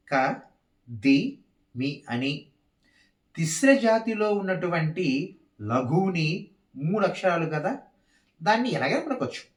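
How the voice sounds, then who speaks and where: A man with a fairly high, lively voice gives a dance rhythm lesson at an unhurried pace. He counts the beats aloud one syllable at a time. He sounds roomy, picked up from a distance. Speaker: dance teacher.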